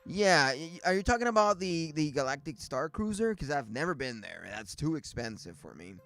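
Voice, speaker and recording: A man's voice: a little high, sing-song, a little fast, creaky, a bit bright, no echo. A man hosting a casual livestream chat, rambling with lots of fillers and restarts, faint music behind him. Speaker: livestream host.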